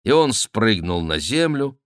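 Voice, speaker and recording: A man reading a classic adventure novel aloud as the narrator, in a measured, expressive manner. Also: on the low side, clear, resonant tone, no room sound, studio quality. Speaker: audiobook narrator.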